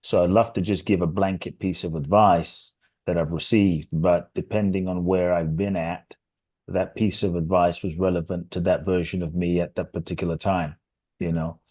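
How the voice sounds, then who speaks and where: A man appears as a podcast guest, a transformational teacher giving earnest, reflective interview answers that build through repetition. His voice sits low and steady at normal speed, dark-toned and slightly rough.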